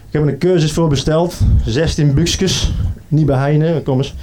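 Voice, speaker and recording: A man, a comedian, telling comic stories in a chatty, animated way. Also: a little high, slight background noise. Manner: chatty, animated, doing quick voices. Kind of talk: comic storytelling monologue.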